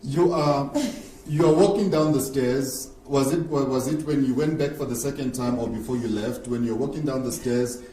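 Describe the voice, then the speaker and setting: A man's voice: mid-range voice, steady tone, normal speed, dark tone, distant mic. A man interviewing a guest, prompting her with probing questions. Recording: echoey room, off-mic.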